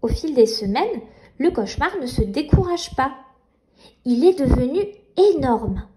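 Slow, high-voiced woman storyteller. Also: lively intonation, dark tone. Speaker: children's storyteller. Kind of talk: scripted storybook narration.

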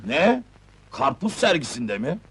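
An actor playing a gruff, bossy tough-guy football club boss in a comedy film, barking orders and threats. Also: a little high, very animated, unhurried, fairly bright tone, full character voice. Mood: menacing. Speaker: team manager. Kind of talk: 1970s comedy film dialogue.

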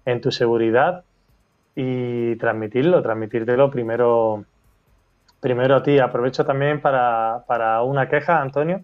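A man's voice: mid-range voice, moderate pace. Guy telling a story in a casual interview, acts out the dialogue, muffled lo-fi sound. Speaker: interview guest, teacher.

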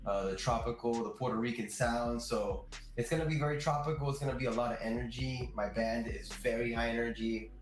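A man's voice: mid-range voice, steady tone, brisk, hardly any pauses, soft background music. Young male musician guest, casual and rambling, echoey home video call. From Miami. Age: young adult. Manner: chatty, many fillers. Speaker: percussionist guest. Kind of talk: casual interview. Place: room at home. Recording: roomy video-call audio.

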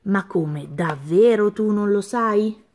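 A woman's voice: mid-range voice, takes it slowly, darkish tone. A woman voicing a clever, cheeky little male mouse in a storybook reading, sly and self-assured.

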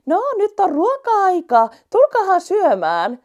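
A woman's voice: very high voice, warm tone, lo-fi sound, pitched above the performer's own voice. A woman voicing a loving mother mouse who calls out with tearful joy. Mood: overjoyed.

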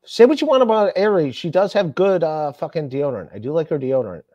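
A man's voice: a little high, expressive, mellow, no echo. A man hosting a casual podcast chat, swearing a lot and ranting when annoyed. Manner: profane, ranting, quick to anger. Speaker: comedian podcast host.

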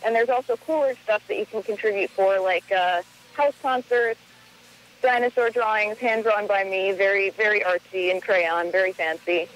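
A woman's voice: mid-range voice, moderate pace. Woman on a phone line, chatty. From Long Island, New York. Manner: chatty, self-mocking, many ums. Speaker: musician guest on phone. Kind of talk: casual phone interview.

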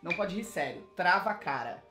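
A young man with a Brazilian accent, hosting with excitable, casual banter among friends. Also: sits high, fairly quick. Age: young adult. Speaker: host. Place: bedroom, indoors. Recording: echoey room with music behind.

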